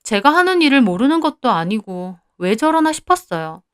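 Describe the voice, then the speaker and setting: A woman's voice: fairly high pitch, very animated, moderate pace, a bit bright, clear, resonant tone, no room sound, studio quality. A young woman narrating a first-person story in a confiding, conversational way.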